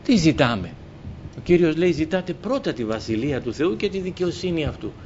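A man preaches a sermon, reading scripture and then exhorting the congregation, his voice rising emphatically on questions as he calls them beloved brothers. His voice is a little high, very animated and a little mellow. The sound is lo-fi with slight background noise.

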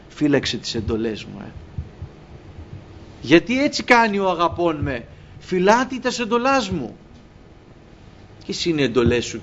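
A man delivers an impassioned sermon, speaking straight to his congregation as brothers and voicing short dialogues with God. His voice sits fairly high. The recording is dull and lo-fi, with faint room noise behind him. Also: fairly bright tone. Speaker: preacher.

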